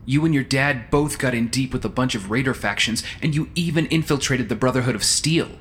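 A man playing a calm, self-assured villainous schemer in an audio drama, talking in a smooth, persuasive, condescending way. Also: mid-range voice, brisk, slight background noise, natural voice. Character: calm, self-assured male schemer defending his ruthless plan. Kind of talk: scripted audio drama acting.

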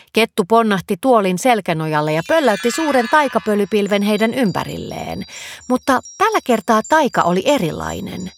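A woman narrating a children's story in a gentle, expressive reading voice. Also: mid-range voice.

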